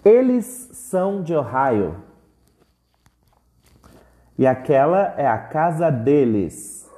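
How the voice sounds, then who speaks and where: A Brazilian Portuguese-speaking man teaching English, pronouncing English words slowly for learners to repeat and explaining quickly in Portuguese. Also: on the high side, sing-song, warm tone. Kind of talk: English lesson with repeat-after-me drills.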